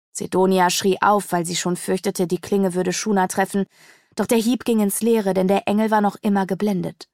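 Gravelly-voiced woman narrating a fantasy audiobook. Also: medium pitch, a little mellow, no echo, studio quality.

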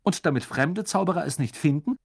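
A man voicing a clever know-it-all schoolgirl who explains things briskly. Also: fairly high pitch, expressive, gravelly, slightly rough, voice pushed up, exaggerated voice. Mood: lecturing. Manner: brisk and lecturing.

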